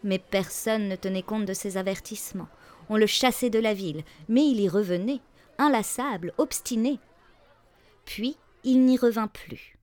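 Woman reading a fairy tale aloud. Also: medium pitch. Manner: measured, expressive reading. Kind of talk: storybook narration.

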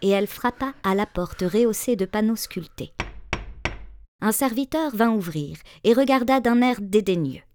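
A woman narrating a storybook tale in a measured, expressive reading voice. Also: medium pitch, a little hiss or hum.

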